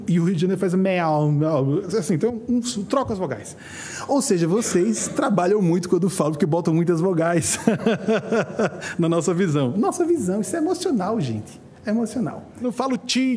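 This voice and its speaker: A middle-aged man from Northeast Brazil with a Northeastern Brazilian accent, giving a lively lecture to a live audience, acting out voices and asking the audience questions. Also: high voice, a little hiss or hum. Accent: Northeastern Brazilian Portuguese.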